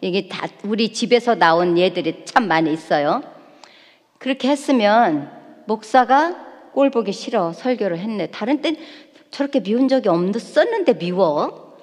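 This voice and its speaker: A woman speaking at a church seminar, her mid-pitched voice carrying a long hall reverb across the sanctuary. She teaches warmly and animatedly, slipping into the voices of quarreling and comforting spouses as she goes. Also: normal speed. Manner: lively, acts out spouses' lines in quoted voices. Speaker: seminar speaker on relationship psychology.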